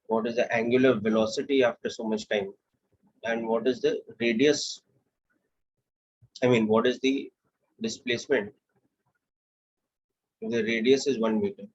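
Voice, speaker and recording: A man's voice: mid-range voice, normal speed, pauses often, highs cut off, a little hiss or hum. Man with an Indian accent teaching physics. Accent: Indian English. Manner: steady, explanatory, walks through steps aloud. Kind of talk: classroom lecture.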